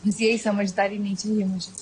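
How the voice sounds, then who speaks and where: A woman's voice: medium pitch, little pitch movement, fairly quick, darkish tone, lightly acted. An actress playing a young woman who pleads with her older partner, mixing Hindi and English in her speech. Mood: pleading. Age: young adult. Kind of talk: film dialogue.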